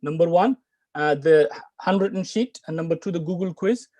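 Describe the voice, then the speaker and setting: A middle-aged man teaches Arabic over a video call from a room in his home, speaking in an earnest, coaxing way and often restarting his words. His voice is a little high and dark in tone, at a normal speed, with no room sound. It's live online class talk.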